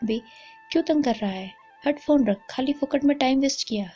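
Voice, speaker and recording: A woman voicing a loud, naive, protective young housemaid in a storybook tale, talking bluntly. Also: a little high, animated, normal speed, husky, faint music behind. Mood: scolding.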